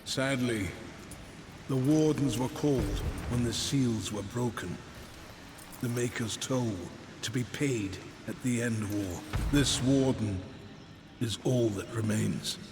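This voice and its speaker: Slow, grave old sage. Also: male voice, mid-range voice, noisy background. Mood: grave, weary. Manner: solemn, deliberate. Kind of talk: dramatic fantasy game dialogue. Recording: long reverb, music behind.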